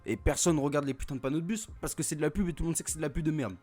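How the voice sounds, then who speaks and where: A man's voice: fairly high pitch, very fast, darkish tone, faint music behind. A young man giving a casual, comedic film review, full of street slang, swearing and rambling hesitations, recorded at home into a desk mic. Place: at home, recording with streaming software. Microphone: desk microphone.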